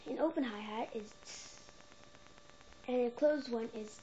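A woman's voice: a little high, measured pace, warm tone, lo-fi sound, slight background noise. A woman vlogger giving an offhand, easygoing beatboxing tutorial with filler words. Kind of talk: casual tutorial.

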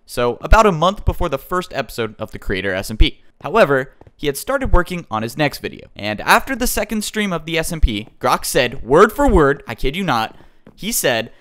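A man's voice: on the high side, sing-song, a little fast, a bit bright. A man hosting a casual vlog, telling a story in a joking, mock-defensive, chatty way. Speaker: YouTuber host.

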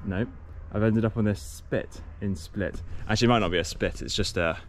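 A man's voice: on the low side, brisk, a little hiss or hum. A young man chatting to an action camera held at arm's length outdoors during a cycling trip, rambling and correcting himself as he goes. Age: young adult. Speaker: cycle touring vlogger. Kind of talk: casual vlog to camera. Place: outdoors on a sunny coastal path.

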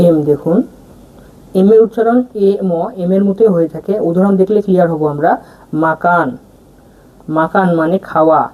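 A woman's voice: lowish voice, mellow, rough recording. A woman giving a language lesson letter by letter, patiently repeating each example word and its meaning. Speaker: language teacher. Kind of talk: step-by-step alphabet lesson.

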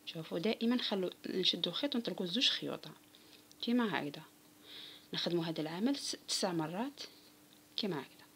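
A woman's voice: lowish voice, lively intonation, fast talker, long pauses, a bit bright, slight background noise. A woman with an Algerian Arabic accent giving a step-by-step crochet tutorial, patiently counting stitches aloud and talking straight to her viewers. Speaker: crochet instructor.

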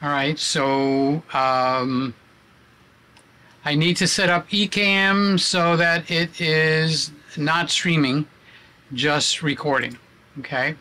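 A man's voice: a little high, fairly even intonation, slow, bright, forceful tone. A man vlogging at home, chatting with many fillers as he sets up his camera on a tripod in a room he uses as a studio. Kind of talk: casual vlog talk.

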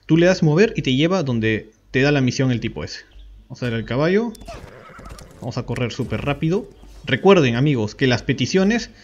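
A man's voice: on the high side, highs cut off. A man giving a casual game tutorial, explaining step by step and often checking in with listeners. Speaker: gaming YouTuber.

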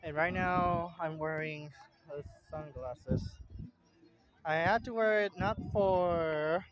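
A man's voice: a little high, steady tone. A young man from Puerto Rico rambling casually as he films a beach vlog outdoors, holding his phone while he walks. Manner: rambling, unhurried, plain-spoken. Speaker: vlogger. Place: outdoor beach park, in and out of a tent. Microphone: phone held in hand while walking. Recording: dull lo-fi phone audio.

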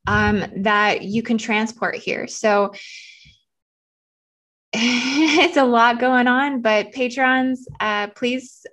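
Give me an excited woman talking fast on her channel, slightly high, filling pauses with um. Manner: rapid, excited, many ums. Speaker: channel host. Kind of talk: casual spiritual vlog talk.

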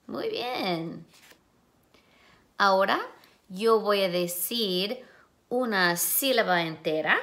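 A woman teacher guides young children through a sound drill at a very slow, careful pace. She stretches each syllable and phoneme so it can be heard and repeated back. Her pitch sits in a middle range. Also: a bit bright. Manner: slow, clear, drawn-out sound-by-sound pronunciation. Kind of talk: phonemic awareness lesson for children.

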